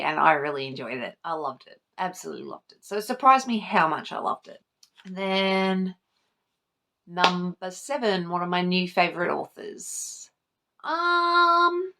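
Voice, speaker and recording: Her voice is medium in pitch, gravelly, and a bit bright. A book vlogger doing a tag video, she talks informally to camera, swears, and enthuses about things she adores.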